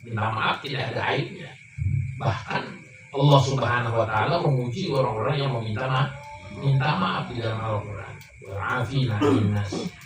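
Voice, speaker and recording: A man preaching a sermon, telling a story that often climbs high and emphatic. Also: normal speed. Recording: echoey room, mic far off, faint noise.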